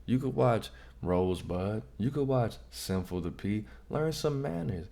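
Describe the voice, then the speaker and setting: A man with a fairly low, dark, mellow voice hosts a casual reaction commentary. He gives blunt, slangy advice straight to the viewer and often circles back to repeat himself. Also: animated, a little slow, creaky. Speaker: vlog host.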